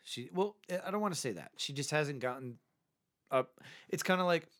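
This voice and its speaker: A man's voice: on the high side, normal speed. A man co-hosting a casual sports podcast, telling a bar story with lots of swearing and acted-out quotes. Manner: animated storyteller, swears freely, acts out quotes. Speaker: podcast co-host; bartender. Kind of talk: casual chat.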